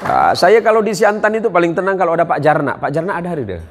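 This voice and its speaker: Male preacher cracking jokes at the crowd, lively swingy pitch, echoey big hall. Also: fast talker. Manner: joking, bantering with the audience. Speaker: Islamic preacher. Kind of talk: humorous religious lecture. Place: large hall at a police headquarters.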